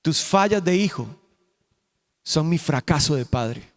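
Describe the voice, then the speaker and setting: Preacher playing a sorrowful aging emperor, deep-set and solemn, slow heavy delivery in a reverberant hall. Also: male voice, lively intonation. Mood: grave. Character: aged emperor father, grave and sorrowful.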